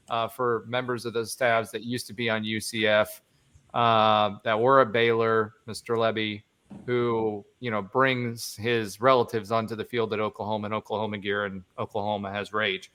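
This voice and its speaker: A man hosting a casual sports podcast, talking in an animated, joking, rambling way. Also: mid-range voice, smooth. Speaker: podcast host.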